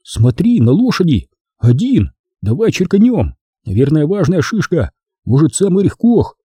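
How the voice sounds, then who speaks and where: A man voicing an impulsive young male partisan scout in a wartime audiobook, eager and quick to burst out. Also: fairly high pitch, slightly rough, no room sound, studio quality, pitched above the performer's own voice. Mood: excited. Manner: eager, excitable outbursts.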